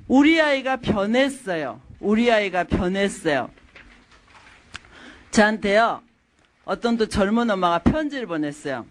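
A middle-aged woman lectures an audience using stories drawn from her own family life. Her pitch swings widely, and she tells each anecdote with animation, acting out the people and their quotes.

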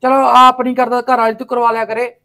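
A man's voice: extremely high pitch, monotone, quick pace, pushed and bright, heavily acted. An actor playing a young adult son who bluntly insists on getting his share. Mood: insistent. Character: impatient grown son demanding his share. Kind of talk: village family drama acting.

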